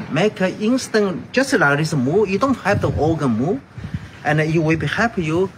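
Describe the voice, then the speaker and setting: A middle-aged health exercise instructor, not a native English speaker, leads an outdoor demonstration on a terrace beside a brick building. He uses short, simple phrases and counts that he repeats, in a voice on the high side with slight background noise.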